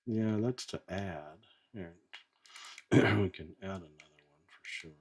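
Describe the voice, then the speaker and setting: A man's voice: low-pitched, measured pace, gravelly, slight background noise. A man hosting a live online session, thinking aloud in casual chat as he clicks through settings. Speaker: host running a live software test.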